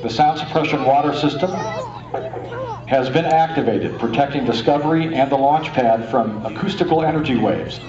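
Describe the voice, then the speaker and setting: A man giving a steady, measured launch countdown commentary over a public-address loudspeaker. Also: medium pitch. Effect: public-address loudspeaker broadcast. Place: outdoors at a launch viewing site. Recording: distant echoey loudspeaker, dull, loud crowd. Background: cheering crowd.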